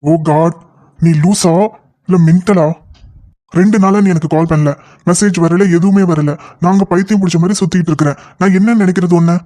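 A man voicing an impatient young lover in a cartoon, talking fast and insistently. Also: sits high, steady tone, warm tone, close to an everyday voice. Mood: scolding. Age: young adult. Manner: rapid, insistent scolding. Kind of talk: cartoon voice acting.

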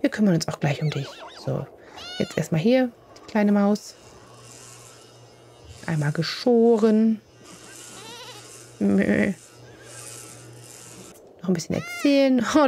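A woman's voice: medium pitch, lively intonation, slow, creaky, pauses often, mellow, a little hiss or hum. A woman hosting a casual gaming let's play, chatting along as she plays and cooing fondly at the animals. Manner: coos fondly at her game animals.

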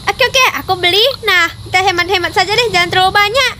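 A woman voicing a cheerful, excitable boy who plays a game with his little sister and keeps crying out in surprise. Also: very high-pitched, quick pace, background noise. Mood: excited. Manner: excitable, frequent exclamations. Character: cheerful excitable boy, big brother gamer. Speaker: older sibling playing a game. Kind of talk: playful game-play voice acting.

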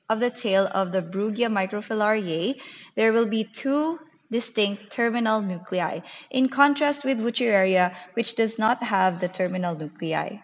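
A woman lecturer explaining material to her class in a scripted, teacherly slide lecture. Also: mid-range voice. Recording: muffled, reverberant narrated slide recording.

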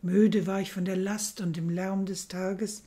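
A woman's voice: medium pitch, fairly even intonation, unhurried, mellow, lightly acted. A woman reading the part of a lovelorn emperor who pleads and calls for his vanished beloved. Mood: tender. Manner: pleading, rising to anxious calls. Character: lovelorn emperor calling for his lost dream lover.

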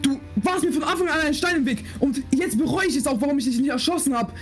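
A woman's voice: high voice, fast, loud music behind the voice. A woman acting in an amateur game role-play, dramatic and often stammering.

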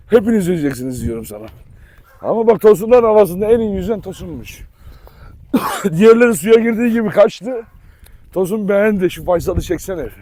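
A man's voice: high-pitched, mellow. A man vlogging outdoors by a pool, coaxing, teasing and scolding his dogs while chatting to viewers. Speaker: dog owner vlogger. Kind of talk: casual vlog talk to dogs and viewers.

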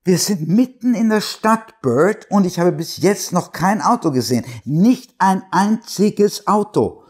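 A man voicing a frightened young wife who pleads with her husband, raising his voice high and near tears. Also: sing-song, fairly quick, a little mellow, breathy edge. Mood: shrill.

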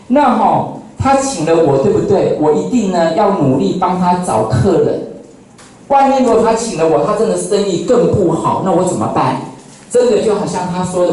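A man with a Taiwanese Mandarin accent tells lively stories to a company audience and keeps asking them questions. His voice sits high for a man. The echo of a large hall surrounds him, and he sounds far from the mic. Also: a little hiss or hum. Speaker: motivational speaker. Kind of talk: lively storytelling lecture. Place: company lecture room.

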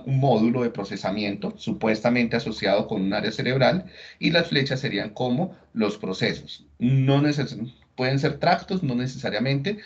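A man giving a lecture on slides, talking conversationally and often checking in with tag questions. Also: lowish voice. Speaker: neuroscience lecturer. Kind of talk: recorded lecture explaining slides. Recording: dull lo-fi recording.

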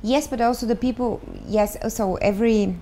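A woman's voice: a little high, normal speed, dark tone, a little hiss or hum. Bulgarian-accented woman in her thirties. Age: 30s. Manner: thoughtful, searching for words, many fillers. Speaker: guest, start-up founder. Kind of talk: interview answers. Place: living room, on a sofa.

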